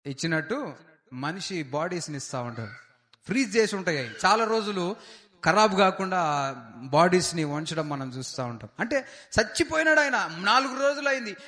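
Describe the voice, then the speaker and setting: A man preaching an Easter sermon as pastor, fervent, with frequent hallelujahs and loud rising declarations. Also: a little high.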